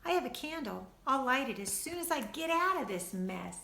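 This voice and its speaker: A woman voicing a tiny, steady young boy in a storybook read-aloud, in a calm, reassuring way. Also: moderate pace, gravelly, reverberant, heavily acted. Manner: calm, reassuring, low-key.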